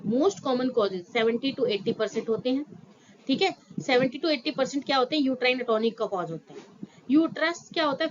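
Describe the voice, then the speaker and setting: A woman's voice: on the high side, muffled recording, a little hiss or hum. A woman teaching an exam-prep nursing lecture, explaining step by step and often repeating key terms with small fillers. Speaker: nursing tutor.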